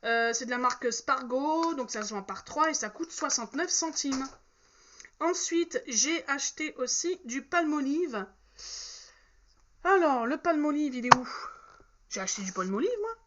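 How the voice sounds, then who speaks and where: A woman's voice: high voice, animated, moderate pace. A woman in her thirties, chatting casually about her shopping haul, hesitant and full of fillers and self-corrections. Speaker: vlogger showing a shopping haul. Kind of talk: casual chat. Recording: slightly dull, faint background noise.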